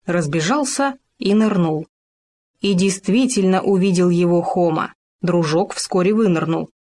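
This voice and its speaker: A woman reading a children's story aloud in a lively, expressive storytelling manner. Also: fairly low pitch, a little slow.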